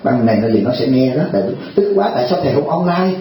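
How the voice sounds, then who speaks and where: A man's voice: medium pitch, animated, fast, warm tone, a little hiss or hum. A man, a Buddhist teacher, giving a humorous, chatty sermon at a retreat and constantly asking his listeners "right?". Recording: heavy hall echo.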